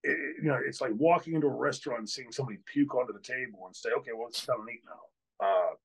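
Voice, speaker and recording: Talking fast in a creaky, slightly rough, medium-pitched voice, an older former wrestler who now hosts tells a candid story for an interview. He's on a webcam video call from a hotel room, the recording is low quality, and he uses many fillers and restarts.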